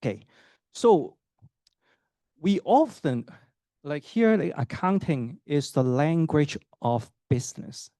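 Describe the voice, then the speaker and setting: Speaking slowly and pausing often, this man has a slightly high, expressive voice with a dark tone and no room sound. He is a middle-aged Hong Kong associate professor addressing prospective students and their parents at an admissions talk, keeping it chatty with audience questions, fillers, and frequent "right?"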